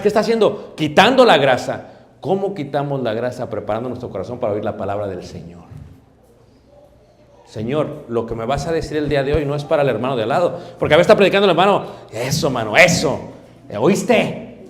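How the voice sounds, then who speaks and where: A man preaching a sermon, swinging between loud emphatic bursts and quiet asides. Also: on the high side. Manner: acts out everyday dialogue in other voices.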